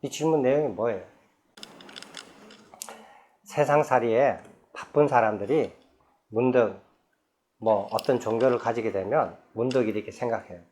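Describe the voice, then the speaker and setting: A man's voice: medium pitch, normal speed, long pauses, darkish tone, slight background noise. A man, a Buddhist monk, giving a dharma lecture on a sutra. He reads scripture passages aloud, then explains them in plain, conversational speech, often asking his listeners questions. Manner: conversational, asks the audience rhetorical questions.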